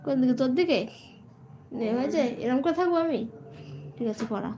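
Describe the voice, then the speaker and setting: A woman with a high voice plays with a small child. She teases and coaxes in a mock-whiny tone, like casual chat on a live stream. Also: lively intonation, a little fast, crowd noise. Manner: teasing, coaxing, mock-whiny. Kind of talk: playful teasing chat with a toddler.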